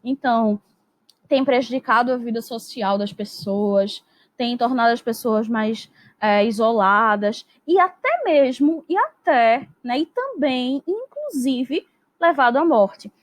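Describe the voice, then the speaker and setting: A woman's voice: on the high side, lively intonation, a little slow, no room sound. A woman teacher explaining grammar in a recorded lesson, speaking patiently and constantly checking in with "né?" and "tá?". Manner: explanatory, peppers speech with "né?" and "tá?"; acts out example sentences in a lifted voice.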